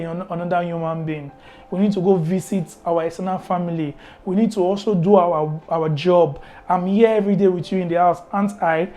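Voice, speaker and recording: Marriage podcast host, mid-pitched, preachy and emphatic, heavy on repetition and rhetorical questions. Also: darkish tone. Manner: emphatic, repeats key words. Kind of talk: faith-based marriage advice talk.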